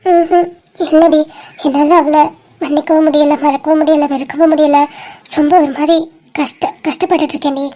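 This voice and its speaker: A performer voicing a heartbroken, stubborn young woman in a cartoon, talking softly and hesitantly through tears. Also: high voice, little pitch movement, moderate pace, lightly acted. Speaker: animated series character. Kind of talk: dramatic cartoon dialogue.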